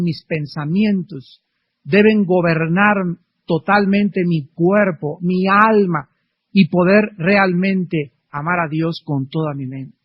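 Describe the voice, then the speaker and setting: A middle-aged male preacher delivering a fervent sermon full of rhetorical questions, swinging between loud and soft. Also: sits high, husky. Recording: dull lo-fi archive recording.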